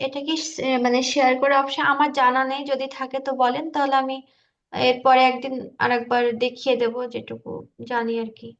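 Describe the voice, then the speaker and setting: Over dull, lo-fi online call audio, a woman speaks fairly quickly in a high, level voice. She's giving an informal screen-share tutorial on video animation software, hesitant at times and checking that everyone is following along.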